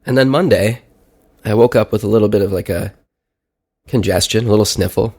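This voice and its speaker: A man of about thirty with a fairly low voice, thick with congestion. He sounds sick and nasal, as though pinching his nose, while chatting casually through a personal podcast update. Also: brisk, a little mellow, breathy edge. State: sick with a stuffy head cold. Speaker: podcast segment host. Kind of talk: casual personal audio diary.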